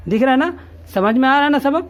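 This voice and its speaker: A man teaching a reading lesson, speaking slowly and patiently. He drills each syllable over and over and keeps checking that the learner follows. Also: extremely high pitch. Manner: slow, patient drilling, repeating each syllable three times; often asks "ٹھیک ہے؟" to check understanding. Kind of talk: classroom-style reading lesson.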